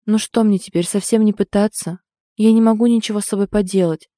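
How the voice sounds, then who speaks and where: A remorseful young man, as a woman reads him in an audiobook, soft and apologetic. The voice is mellow and warm. The sound is dry and close, with no room around it. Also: mid-range voice, steady tone, brisk, dry recording, close to an everyday voice.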